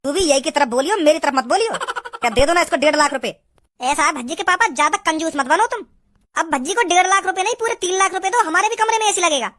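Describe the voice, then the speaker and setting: Nagging cartoon mom, high-pitched and rapid-fire, bossing her husband around , woman voicing. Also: expressive, a bit bright. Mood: bossy. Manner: bossy, nagging. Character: scolding cartoon mother siding with her son. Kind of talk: cartoon voice acting.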